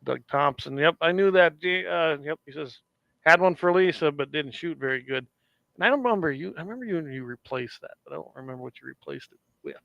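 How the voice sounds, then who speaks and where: A man's voice: on the high side, expressive, fairly quick, creaky, no echo, lo-fi sound. A man co-hosting a podcast in casual chat, rambling and chuckling often. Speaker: podcast co-host.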